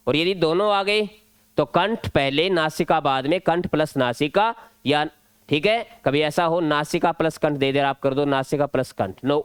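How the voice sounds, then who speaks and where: A man's voice: fairly high pitch, a bit bright, smooth, no echo. A male teacher with a Rajasthani Hindi accent, explaining an exam-prep grammar lesson step by step at a board. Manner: step-by-step explaining, drilling points.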